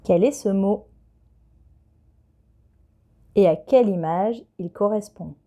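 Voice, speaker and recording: A woman teacher, giving a patient, clear dictation lesson to young children and spelling letters one by one. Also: medium pitch, slow pace, mellow. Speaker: primary school teacher.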